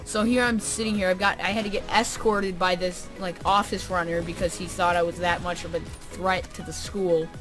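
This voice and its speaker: A woman's voice: on the low side, level tone, normal speed, few pauses, music in the background. Young woman rambling through a story. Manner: rambling, full of "um" and "like" fillers; dry, sarcastic asides. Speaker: vlogger. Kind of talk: casual storytelling to camera.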